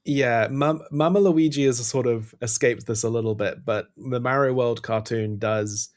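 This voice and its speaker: A man's voice: mid-range voice, moderate pace. A man hosting a podcast in casual chat, enthusiastic and rambling with frequent ums. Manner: chatty, enthusiastic, trails off with ums. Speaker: podcast host.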